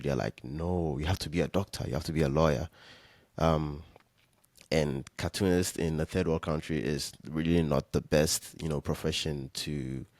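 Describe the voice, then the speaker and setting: A young man from Ghana talks as a podcast guest, his voice extremely low and deep. He rambles easily, circling back with fillers and restarts. The sound is dry and close, with no room around it. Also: darkish tone, dry recording. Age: young adult. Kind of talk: casual interview chat.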